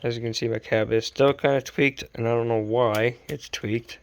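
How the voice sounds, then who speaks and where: A man's voice: mid-range voice, steady tone, normal speed, background noise. A man filming a casual update on his model truck late at night, sleepy and rambling in an easygoing way, stopping to correct himself. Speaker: RC hobby vlogger. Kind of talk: casual build update vlog.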